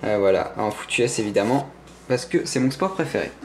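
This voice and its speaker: A man's voice: fairly low pitch, animated, brisk, darkish tone, slight background noise. A young man with a French accent giving a casual, rambling tour of his gaming room, hesitating often and joking about his collectibles. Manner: rambling, lots of hesitations and self-corrections; playful and enthusiastic about collectibles. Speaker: gaming streamer showing his setup.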